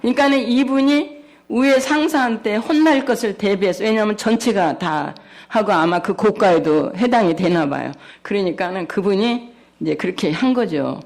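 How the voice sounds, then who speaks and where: A middle-aged woman with a voice of ordinary pitch tells a personal testimony at a church service. She talks with animation and slips into the voices of the people in her story as she goes. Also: moderate pace, gravelly, darkish tone. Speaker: church member giving testimony.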